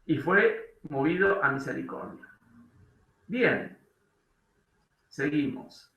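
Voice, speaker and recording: A man's voice: a little high, animated, slow, muffled recording. A man with an Argentine accent, preaching a sermon in a church hall, reading scripture aloud and explaining it, with questions to the congregation. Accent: Argentine Spanish. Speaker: pastor.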